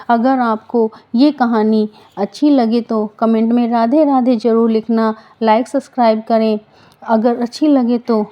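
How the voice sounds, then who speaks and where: A woman narrating a devotional story in a loose, unscripted way, with restarts and quoted lines. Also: fairly high pitch. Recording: dull lo-fi recording.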